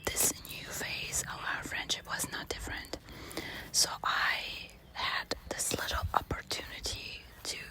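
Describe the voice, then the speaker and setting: A woman telling a personal ASMR storytime in a hushed, quiet night-time whisper, informal and confiding. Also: measured pace, rough recording.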